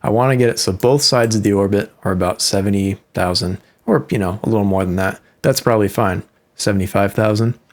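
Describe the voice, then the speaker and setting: A man with a Midwestern accent giving relaxed, rambling commentary while playing a game, explaining as he goes with frequent fillers. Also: on the low side, fairly quick. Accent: Midwestern American. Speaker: musician and host. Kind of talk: casual gameplay commentary.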